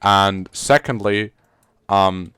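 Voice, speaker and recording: A Serbian teenage boy co-hosting a podcast chats loosely in English, his second language, rambling with many fillers, false starts and casual swearing. His lowish, smooth voice stays steady and very slow, with a fairly bright tone in a dry, close recording.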